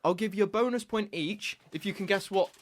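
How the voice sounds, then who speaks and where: A man's voice: high-pitched, a little fast. A British man co-hosting a casual podcast, running a guessing game with a teasing manner and frequent laughs. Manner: playful, teasing, laughs often. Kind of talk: casual chat.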